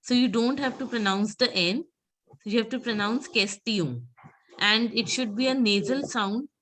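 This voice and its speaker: A woman's voice: mid-range voice, fairly bright tone, a little hiss or hum. A woman teaching an online French class over a video call, patiently repeating words for her students.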